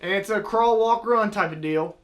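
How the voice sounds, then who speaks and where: High-pitched man giving a casual tutorial. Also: normal speed. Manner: folksy, plain-spoken, demonstrates with spoken sound syllables. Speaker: duck call maker and instructor.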